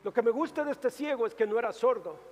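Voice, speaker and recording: A male pastor delivering a sermon, swinging between loud dramatic rises and hushed, quiet drops. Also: very high voice, expressive, quick pace. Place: church hall. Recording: reverberant church hall with music.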